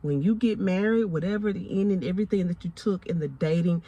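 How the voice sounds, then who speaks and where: Husky, warm and fairly low, this woman's voice moves a little fast, and the audio sounds dull. A Southern American faith and lifestyle vlogger in her forties, she talks faith to camera like a preacher, stressing points through repetition and addressing listeners as honey.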